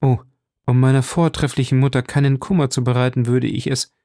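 Guy reading a keen young vicomte, talks up high, rough gravelly edge, dry sound. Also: fairly even intonation, a little fast, dark tone, no echo, close to an everyday voice. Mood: pleading. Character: young eager male vicomte.

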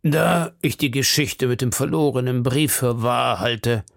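A man reads as a stern old musketeer captain with a gravelly edge, set a little higher than the narration. He weighs each word slowly and lectures in a measured way. The sound is dry and close. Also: dry recording. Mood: lecturing. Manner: measured, lecturing, drops to murmurs. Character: stern shrewd older male captain of musketeers. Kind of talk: audiobook reading.

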